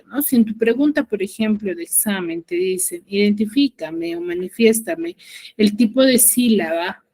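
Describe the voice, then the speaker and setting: A woman's voice: on the high side, darkish tone. A woman teacher with a Peruvian Spanish accent, leading an online class. She is patient, repeats key words and often checks in with her students.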